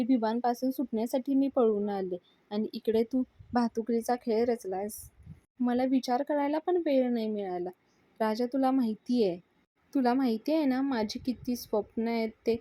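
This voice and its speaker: A woman reading out a distressed young woman, higher and mellow, agitated questions, dry close sound. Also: moderate pace, no room sound, lightly acted. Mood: pleading. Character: young woman, anxious and upset.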